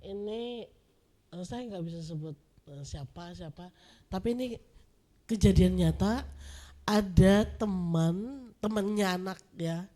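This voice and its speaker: A woman of middle pitch speaks up from the audience to ask a question. She tells her story haltingly, with plenty of pauses and fillers. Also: dark tone. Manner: hesitant, many fillers. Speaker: audience member asking a question.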